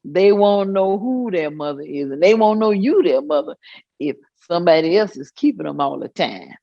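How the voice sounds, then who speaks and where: Gravelly and on the low side, this actress's voice carries lively intonation at a normal speed as she plays a proud older mother with a Southern US accent. She chuckles through folksy, amused storytelling in a staged oral-history reading. The audio has no room sound and the highs are cut off.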